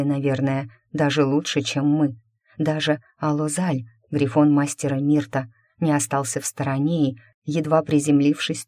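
Dark-toned steady audiobook reader. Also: medium pitch, no echo, studio quality. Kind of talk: scripted fantasy narration.

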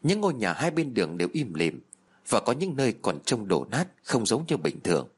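A man's voice: on the low side, sing-song, a little fast, slightly rough. A man narrating a spooky first-person horror story in a tense, dramatic storytelling manner.

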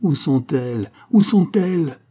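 A man's voice: expressive, unhurried, warm tone, husky. A man voicing an anguished Breton nobleman who cries out in despair, in an audiobook reading. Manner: high anguished outcries.

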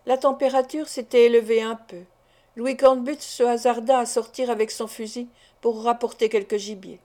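A woman reads a classic novel aloud at a steady, measured pace. Her voice sits a little high, and its tone is soft and mellow rather than bright. It has the even delivery of an audiobook narrator.

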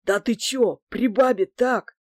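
A woman's voice: medium pitch, normal speed, a little mellow, dry recording, lightly acted. Woman playing a small grey-haired crook, male, laid-back, coaxing, street slang, dry close recording. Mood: easygoing. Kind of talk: audiobook character voice.

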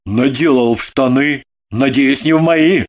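Smug bossy husband, big slow exclamations, reader dropping low for him. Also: natural voice. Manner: booming, drawn-out exclamations. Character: pompous middle-aged husband, blustering and self-satisfied.

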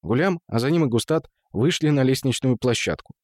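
A man reading an audiobook in measured storytelling, voicing the characters. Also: mid-range voice, lively intonation, no echo, clean studio sound. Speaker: narrator. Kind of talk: audiobook narration.

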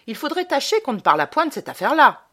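A woman voicing a brisk, wary village doctor from a storybook, with businesslike speech. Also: high voice, very animated, fairly bright tone, pitched above the performer's own voice. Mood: worried.

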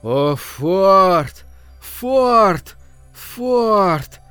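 A man voicing a mysterious, supernatural voice that calls out slowly over a crowd, drawing out each word and sinking toward a whisper. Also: high voice, sing-song, pushed and bright, clean tone, dry recording, faint music behind, exaggerated voice. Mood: solemn, rapturous. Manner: slow, drawn-out, swelling then sinking to a whisper. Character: mysterious booming supernatural voice from above. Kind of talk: audiobook character voice.

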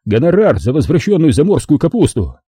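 A man voicing a gruff, grumbling older colonel who talks bluntly. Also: a little high, wildly swooping pitch, brisk, dark tone, no room sound, studio quality, pitched above the performer's own voice, heavily acted.

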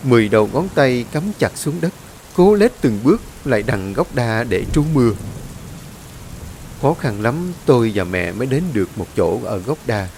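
Male horror-story narrator, lively pitch, faint rain behind. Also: normal speed, a little hiss or hum. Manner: dramatic, expressive reading.

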